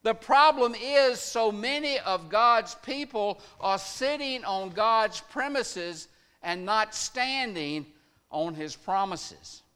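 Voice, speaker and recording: A male pastor preaching a sermon slowly and deliberately, letting his voice sink soft at the ends of phrases. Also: high-pitched, lively intonation, clean tone, long reverb tail. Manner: slow, deliberate preaching with dramatic drops in volume.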